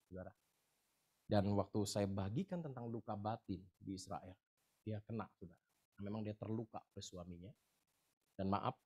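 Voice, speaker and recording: Middle-aged male pastor, mid-pitched voice, lively sermon delivery that jumps between booming emphasis and hushed storytelling, with a joking streak. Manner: animated preaching, swinging from loud emphatic outbursts to low quiet storytelling; humorous, playful asides to the congregation.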